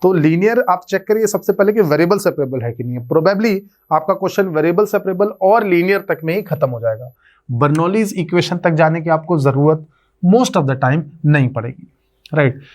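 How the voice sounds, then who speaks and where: A man's voice: high voice, lively intonation, normal speed, a little mellow. A man with an Indian accent teaching a math lecture, switching between Hindi and English, working through each step and checking in with his students. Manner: explains step by step, checks in with "right?" and "है ना?".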